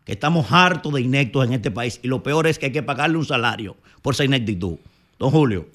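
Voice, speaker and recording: A man's voice: medium pitch, lively intonation, fast talker, fairly bright tone. A man with a Dominican Spanish accent, speaking as a radio commentator in the middle of his range. His delivery is indignant and emphatic, and he scolds as he drives his points home. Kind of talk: opinion commentary.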